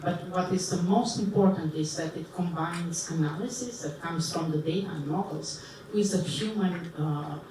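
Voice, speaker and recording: A woman answers a panel question in a low voice, pausing often and filling gaps as she thinks. She is picked up from a distance in a very echoey hall. Background noise sits clearly under her voice. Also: warm tone. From Romania. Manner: thoughtful, many pauses and fillers. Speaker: panelist, professor.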